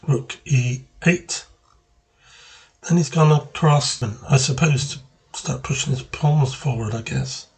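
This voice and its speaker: Slow-talking man commentating chess. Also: medium pitch. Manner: hesitant, thinking aloud, pausing mid-phrase. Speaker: chess player annotating own game. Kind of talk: casual move-by-move game commentary.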